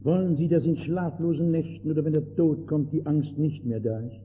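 Older male preacher, fervent sermon delivery with sharp loud-soft swings; thin lo-fi archival sound. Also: fairly high pitch, a little fast. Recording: tinny old lo-fi recording with faint hiss.

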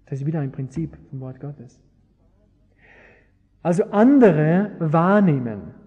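A man's voice: fairly high pitch, lively intonation, a little slow, slightly rough, highs cut off. A man preaching a sermon, engaging his listeners with rhetorical questions. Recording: long hall reverb.

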